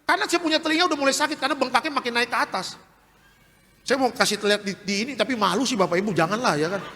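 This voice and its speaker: A male pastor with a high, bright voice delivers a lively sermon testimony, joking with his listeners as he tells the story. He is recorded on a live stream in a church hall, with a long reverb trailing his words and faint room ambience behind. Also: rapid-fire. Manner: animated storytelling with joking asides to the congregation.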